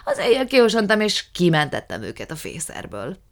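A woman's voice: on the low side, wildly swooping pitch, creaky, heavily acted. A woman reading an audiobook, voicing an indignant, blustering middle-aged man who rants theatrically. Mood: breezy. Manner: loud, theatrical ranting.

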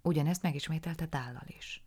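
Egy nő, aki egy kemény hangvételű krimit olvas fel hangoskönyvként, gyakran suttogóra halkítva. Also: female voice, sits low, dark tone, breathy edge. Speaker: audiobook narrator. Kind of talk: scripted narration of a crime story.

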